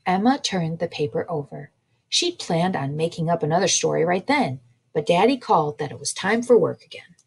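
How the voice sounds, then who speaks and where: Breathy woman reading a picture book aloud. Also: lowish voice. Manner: slow, expressive storytelling. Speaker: children's librarian.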